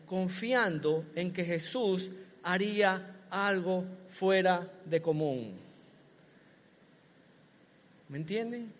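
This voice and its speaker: A man preaching in a church, his voice sitting high for a man. He is animated and acts out little back-and-forth dialogues as he teaches. The sound carries a long, ringing hall reverb. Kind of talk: sermon.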